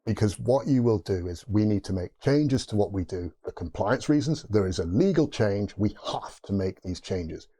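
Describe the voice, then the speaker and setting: Low, mellow-voiced Geordie man rambling. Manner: rambling, restarts mid-thought, rhetorical asides. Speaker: tech video host. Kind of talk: unscripted explainer to camera.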